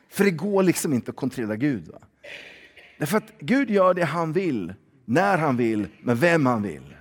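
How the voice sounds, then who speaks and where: A man's voice: a little high, sing-song, pauses often, slightly rough. A man preaching a sermon in a loose, conversational way, full of fillers and tag questions. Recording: long hall reverb.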